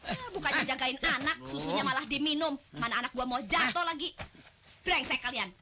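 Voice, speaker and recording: A woman's voice: high voice, a little fast, background noise. An actress playing a fussy aunt who scolds the men minding her baby in a film comedy. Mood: scolding. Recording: film soundtrack with loud music.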